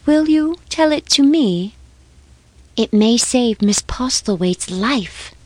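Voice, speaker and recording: A woman voicing a gentle young woman with a soft, coaxing, lifted voice. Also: a little high, lively intonation, slow, dry recording, voice pushed up.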